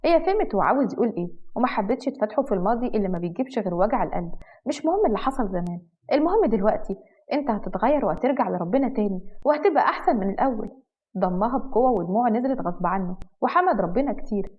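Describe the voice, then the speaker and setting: A woman with an Egyptian accent narrating a romantic drama story in a brisk, dramatic way. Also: mid-range voice, lively intonation. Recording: dull lo-fi.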